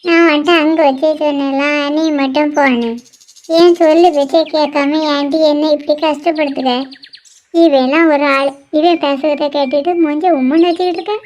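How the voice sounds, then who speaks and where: A woman doing sharp-tongued cartoon girls. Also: sits high, fairly even intonation, normal speed, lightly acted. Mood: teasing. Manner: sharp-tongued, teasing, scolding. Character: bickering young women in a clothing shop. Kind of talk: cartoon voice acting, one voice for several girls.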